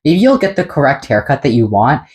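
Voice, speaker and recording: A woman co-hosting a podcast, chatting casually in an excitable, rambling way and swearing now and then. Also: a bass voice, a little fast, rough recording. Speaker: podcast co-host. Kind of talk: casual chat.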